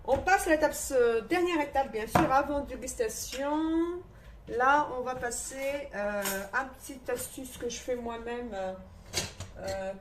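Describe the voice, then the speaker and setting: A woman's voice: high-pitched, background noise. Chatty woman with a Moroccan accent. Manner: chatty, talks through each step aloud. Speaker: home cook. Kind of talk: casual cooking demonstration. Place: home kitchen.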